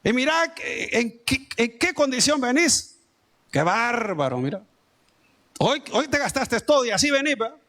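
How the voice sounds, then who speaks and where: A man's voice: very high voice, big pitch swings, a little slow, sharp tone, exaggerated voice. A man preacher acting out a resentful older brother who mockingly scolds his returning sibling, with a Salvadoran accent. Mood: sneering. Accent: Salvadoran Spanish.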